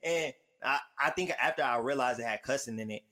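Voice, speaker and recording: A man chatting casually, telling stories with slang and acting out what people said in lively voices. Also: medium pitch, fairly quick. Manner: animated storytelling, slangy, acts out quotes. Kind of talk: casual chat.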